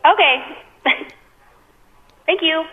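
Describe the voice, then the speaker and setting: A woman with a high voice answers a phone call politely and hesitantly, with frequent ums. She is on speakerphone, so her voice sounds like it is coming from a cave. The phone line makes her sound thin and tinny. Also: drawn-out words. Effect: cave-like echo from a speakerphone. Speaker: apartment office receptionist taking a call.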